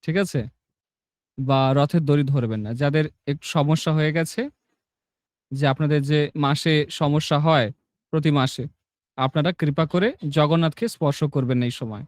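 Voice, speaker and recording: High clear-voiced religious teacher. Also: male voice, moderate pace, no room sound, clean studio sound. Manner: instructive, asks "understood?" often. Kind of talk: devotional class and chanting names.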